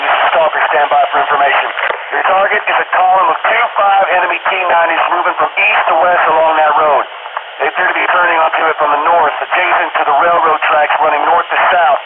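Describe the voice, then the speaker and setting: An actor playing a male soldier giving terse, procedural orders over a tinny helmet radio, in clipped military radio speech. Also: fairly high pitch. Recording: tinny radio line with loud static.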